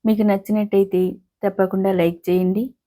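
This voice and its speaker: A woman storyteller reading a serialized story aloud in a steady, expressive way. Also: mid-range voice, a little fast.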